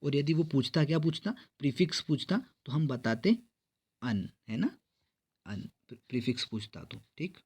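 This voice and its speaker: A man's voice: a little high, lively intonation, darkish tone. A man teaching an exam-prep grammar lesson, explaining step by step and asking and answering his own questions. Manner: reads English quiz sentences slowly and clearly.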